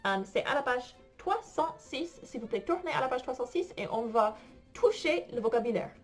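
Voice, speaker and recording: A woman's voice: high voice, animated, soft background music. A woman teaching a French lesson online, explaining vocabulary in a playful way and sometimes singing for her students. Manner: slow, playful, explains words and sings for students.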